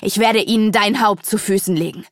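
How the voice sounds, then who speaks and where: A woman's voice: medium pitch, brisk, dry recording, clean studio sound, lightly acted. A woman voicing a cold, cruel male iron angel who speaks in a commanding, menacing way. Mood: cold menace. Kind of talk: audiobook character voice.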